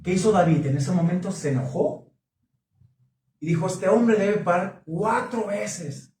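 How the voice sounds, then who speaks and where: A man preaching at a marriage conference, questioning the congregation in an animated way. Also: sits high, measured pace, slight background noise. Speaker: pastor. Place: church hall. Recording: echoey hall, mic from a distance.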